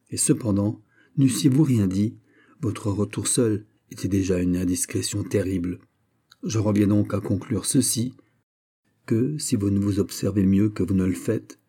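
A man voicing an earnest young nobleman, soft harmonious voice, insistent, storybook reading, raised and firm. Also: on the low side, breathy edge. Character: young noble French gentleman, earnest and gently reproachful.

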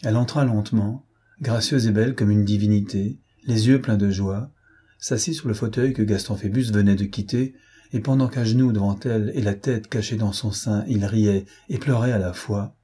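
A male audiobook narrator reading literary prose in a measured, deliberate way. His voice sits low and sounds dark and mellow, with a husky, slightly breathy texture. Each sentence is shaped with care. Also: steady tone.

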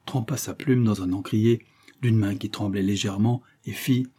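A man narrating a classic novel as an audiobook, in a measured, expressive storytelling voice. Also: lowish voice, slightly rough. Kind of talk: audiobook reading.

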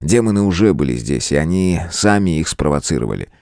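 A man reading a fantasy novel aloud as a calm, measured audiobook narrator. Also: rumbling low, no room sound, clean studio sound. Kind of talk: scripted narration.

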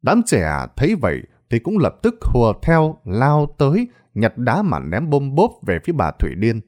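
A man narrates a ghost story in a practiced storytelling voice. His pitch rises and falls widely as he builds the scene. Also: normal speed. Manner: expressive storytelling with lively pitch. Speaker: horror storyteller.

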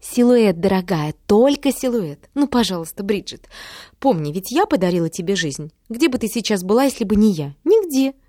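A woman's voice: mid-range voice, big pitch swings, normal speed, warm tone, no room sound, clean studio sound. A woman reading an audiobook, voicing a pushy, theatrical older mother with a gushing, wheedling manner. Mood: melodramatic.

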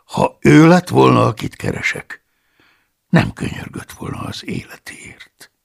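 Gravelly, husky male audiobook narrator. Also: mid-range voice. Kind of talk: first-person audiobook narration.

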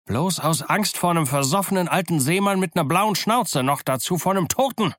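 A man voicing a gruff, scornful old one-legged pirate in an audiobook, speaking boldly and loudly. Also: high-pitched, lively intonation, fairly quick, dry recording, clean studio sound, voice pushed up. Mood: defiant. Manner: bold, scornful, loud. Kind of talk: audiobook character voice.

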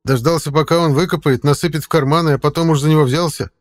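A man's voice: fairly high pitch, fairly even intonation, quick pace, pitched above the performer's own voice, close to an everyday voice. A man voicing a sardonic male talking cat who mentors the hero in a scolding, mocking way. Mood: scornful. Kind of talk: audiobook character voice.

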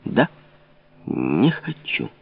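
Male reader as an icy, mocking monarch, low and deliberate, lively, dull recording. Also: vocal fry, exaggerated voice. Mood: cold mocking. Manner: cold, low, measured sarcasm. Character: cold, mocking king, grown man.

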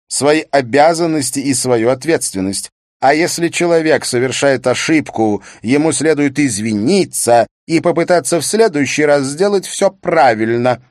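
Guy reading a pushy police chief, loud and smooth, trying to talk his wife round, dry sound. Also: mid-range voice, no echo, pitched above the performer's own voice, lightly acted. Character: ambitious middle-aged male police chief, smooth-talking.

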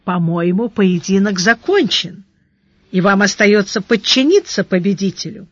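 A narrator voicing a calm, ironic warrior lord in an audiobook, unhurried and lawyerly. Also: medium pitch, no echo, natural voice. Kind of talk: audiobook character voice. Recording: dull lo-fi dry recording.

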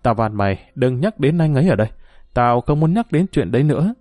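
A man voicing a heartbroken young woman who speaks in quiet, strained, curt words. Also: medium pitch, very animated, fairly quick, no room sound, clean studio sound, faint music behind, close to an everyday voice. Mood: anguished.

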